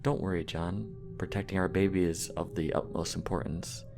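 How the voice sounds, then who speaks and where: A man voicing a calm, murderous mother in a horror story reading, speaking nonchalantly with quiet menace. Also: low voice, normal speed, gravelly. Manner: nonchalant, soft-spoken menace. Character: cold, calm murderous mother, middle-aged woman. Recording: music playing underneath.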